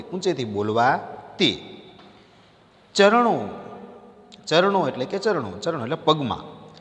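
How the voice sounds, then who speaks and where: A man's voice: medium pitch, fairly bright tone. A man teaching a recorded school lesson, repeating each word and its meaning and addressing his students as friends. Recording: long hall reverb.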